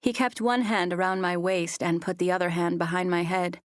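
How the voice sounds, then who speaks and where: A woman narrating a first-person romance audiobook in a soft, even storytelling voice on a close mic. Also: on the low side, moderate pace, dry recording.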